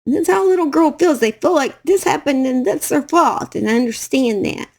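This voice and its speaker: A middle-aged woman with a Southern US accent speaks in a somewhat high voice. She tells her own story to camera in a halting, emotional way and circles back over the same phrases. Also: expressive, creaky, a little mellow. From Southern United States. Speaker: true crime YouTuber.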